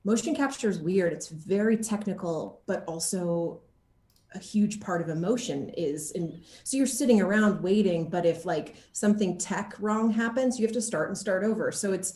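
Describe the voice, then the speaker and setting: In an echoey room, a woman being interviewed as an actor talks casually at a normal pace and medium pitch. Her storytelling is animated and expressive, and she quotes and performs what others said as she goes.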